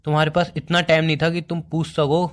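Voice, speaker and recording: A man's voice: fairly high pitch, flat delivery, quick pace, natural voice. A young man playing a boyfriend who feels ignored, reproachful and sarcastic toward his girlfriend. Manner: reproachful, sarcastic, quietly bitter. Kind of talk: amateur romantic audio drama.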